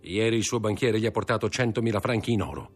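A man's voice: fairly low pitch, fairly even intonation, fast, husky, faint music behind, voice pushed up. A man reading aloud voices a cold, impatient young man who answers in curt, disdainful tones. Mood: boastful.

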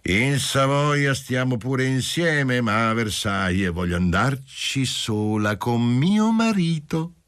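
A man's voice: medium pitch, very animated, slow, few pauses, a bit bright, clean tone, voice pushed up. A man reading an audiobook voicing a tipsy young bride, giggly and exclaiming. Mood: drunk, giddy. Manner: exclaiming, giggly, slurred gaiety.

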